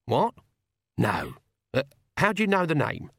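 A man's voice: fairly high pitch, huge pitch swings, measured pace, gravelly, fairly bright tone, husky, no echo, studio quality, voice pushed up, heavily acted. A man putting on a stern old witch. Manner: blunt rural speech, dropped endings. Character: stern elderly witch woman, sharp-tongued, commanding.

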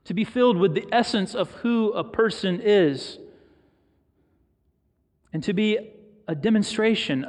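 A middle-aged man preaching a sermon as pastor, reflective and storytelling, with pauses for emphasis. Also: sits high, darkish tone. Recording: long reverb of a large hall.

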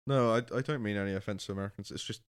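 A British man co-hosting a casual chat podcast, animated and ranting, often laughing and acting out what people said to him. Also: on the low side, very fast, smooth. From Britain. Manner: animated, ranting, laughs a lot, acts out quotes. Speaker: podcast co-host.

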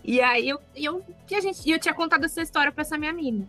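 A Brazilian woman co-hosting a casual podcast, telling a story with animated asides to her friends. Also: sits high, rapid-fire, soft background music. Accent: Brazilian Portuguese. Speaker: podcast co-host.

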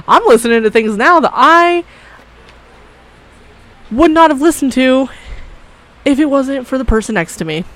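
A woman's voice: high voice, expressive, normal speed, pauses often, fairly bright tone, low-quality recording. Blunt, foul-mouthed woman chatting. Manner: blunt, swears freely, laughs often. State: coughing briefly. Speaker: podcast co-host. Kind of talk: casual chat.

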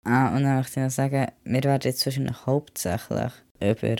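Swiss german guy rambling casually on his vlog, warm mellow voice, tosses in english words. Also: medium pitch, steady tone, brisk, creaky, dry recording, clean studio sound. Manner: chatty, mixes in English words. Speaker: vlogger.

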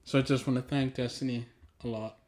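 A Ghanaian man whose mother tongue is Twi hosts a casual, reflective podcast conversation, hesitant and thoughtful, trailing off in pauses. His voice is medium-pitched with a steady, darkish tone.

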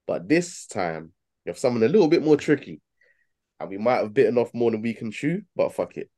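A man co-hosting a football podcast in relaxed, casual chat. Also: mid-range voice, brisk. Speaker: podcast co-host.

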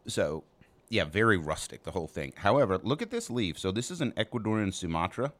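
A man's voice: lowish voice, big pitch swings, fairly quick, a bit bright. A man hosting a podcast in a casual, informal chat style, swearing freely. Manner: profane, informal. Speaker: podcast host. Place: small back room of a cigar lounge.

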